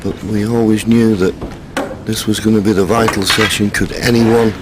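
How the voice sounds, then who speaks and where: A man giving hushed, measured live snooker commentary in short phrases. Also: lowish voice, little pitch movement. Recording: crowd ambience and faint noise. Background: snooker arena audience.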